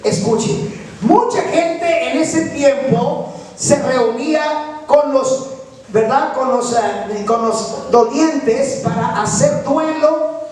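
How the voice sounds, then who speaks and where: Male pastor, high voice, preaching from far off the mic in a very echoey church, keeps checking in with the congregation. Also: slow pace, a little mellow. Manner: keeps asking the congregation "right?". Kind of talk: sermon. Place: church hall.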